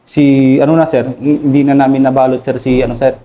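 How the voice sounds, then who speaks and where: Deferential Filipino army officer. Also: male voice, mid-range voice, level tone, warm tone, low-quality recording. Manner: deferential, says "sir" constantly, halting with many fillers. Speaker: army officer recounting combat. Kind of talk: interview storytelling.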